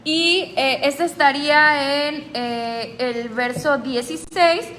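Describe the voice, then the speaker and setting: High-voiced woman teaching slowly. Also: a bit bright, big-room sound, a little hiss or hum. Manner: patient, explanatory, asks the group questions. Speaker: Bible study leader. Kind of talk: teaching a group Bible study.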